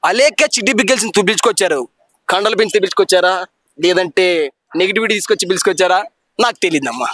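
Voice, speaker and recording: A man giving a rambling, animated street opinion on a reality show. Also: high voice, dry recording. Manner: rambling, talks fast, jumps between topics. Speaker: street interviewee.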